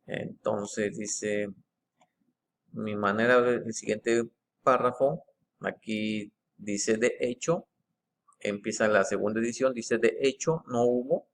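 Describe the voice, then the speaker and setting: A man slowly walks through a text line by line, stopping to reread passages and point out small wording changes. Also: lowish voice, steady tone. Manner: slow, methodical, stops to reread passages. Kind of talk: screen-share walkthrough.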